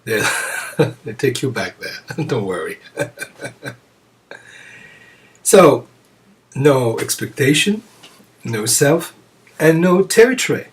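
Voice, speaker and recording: A Zen teacher talks slowly and reflectively to his students, breaking often into pauses and quiet chuckles. His voice sits in a middle register, and the microphone picks it up from a little way off. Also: medium pitch, sing-song. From France. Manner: slow, reflective, with frequent pauses and soft chuckles. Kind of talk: dharma talk to students. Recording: voice picked up from a distance.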